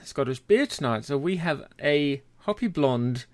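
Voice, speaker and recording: A British man hosts a podcast in a casual, chatty way. His voice sits a little high for a man, and he speaks as a presenter steering a relaxed conversation. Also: a little slow. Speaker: podcast host.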